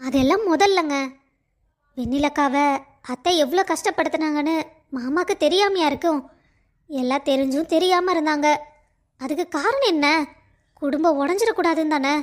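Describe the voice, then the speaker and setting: A woman's voice: sits high, moderate pace, pauses often, close to an everyday voice. A woman voicing a worried, earnest young daughter-in-law in a cartoon story.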